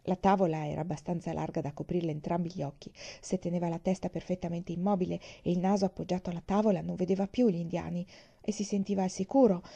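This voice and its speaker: A woman reading a children's novel aloud, in a gentle, measured storytelling voice. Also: fairly low pitch, creaky, husky. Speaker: audiobook reader.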